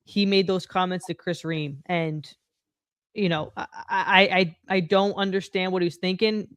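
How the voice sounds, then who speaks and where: A woman's voice: on the low side, steady tone, moderate pace, smooth, no echo. Female sports podcast co-host, blunt and stat-minded, dry close sound. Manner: blunt, dismissive, stat-driven. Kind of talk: casual sports chat.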